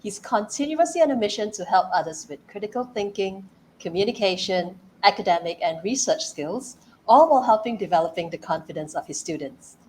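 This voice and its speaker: A woman hosting a talk show, giving a measured introduction and then asking the guest a question. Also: mid-range voice, animated, darkish tone, slight background noise, low-quality recording. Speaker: host.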